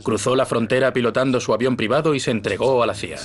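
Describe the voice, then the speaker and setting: A man with a mid-range voice narrates a documentary, retelling the events vividly and dramatically. He reads a script over soft music playing behind him. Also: medium pitch, fairly even intonation, fast. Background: background music.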